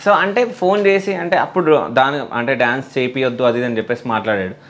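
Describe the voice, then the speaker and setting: A woman's voice: a bass voice, quick pace. A woman interviewer who asks short, prompting questions.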